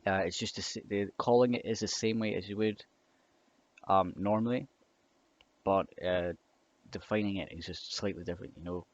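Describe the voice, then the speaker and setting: A man's voice: deep voice, steady tone, moderate pace, pauses often. A young man giving a casual coding tutorial, hesitant and rambling with many fillers and restarts, over keyboard clicks. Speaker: scripting tutor. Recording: dull lo-fi mic with keyboard clicks. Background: typing and mouse clicks.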